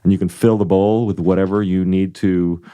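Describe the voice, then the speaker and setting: A man's voice: low voice, fairly even intonation, normal speed, dark tone, clean tone, no echo. A man on a podcast who jokes and teases in casual banter while explaining kitchen gear. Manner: joking, teasing banter. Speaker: chef, co-guest on a podcast. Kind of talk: casual chat.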